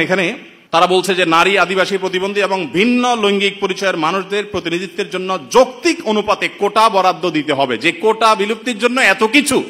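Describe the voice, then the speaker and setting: A Bangladeshi man preaches with indignant rhetorical questions, his voice high and bright with a sharp edge. He keeps calling out to his listeners as brothers, and a long reverberation trails each phrase as if in a big hall. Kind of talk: impassioned sermon-style commentary.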